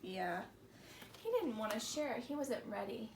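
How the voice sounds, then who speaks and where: In an unhurried, sing-song way, a woman with a higher but darkish voice and some vocal fry reads to preschoolers and asks them simple questions like a teacher. It's a children's lesson and read-aloud, recorded roomy and distant with faint noise.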